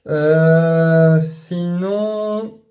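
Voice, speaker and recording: Guy rambling about his latest buys, lots of euhs, mellow fairly high voice, echoey room. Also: very slow, dull audio. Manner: rambling, many fillers and restarts, gushing with excitement. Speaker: YouTuber showing his purchases. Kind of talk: casual unboxing chat.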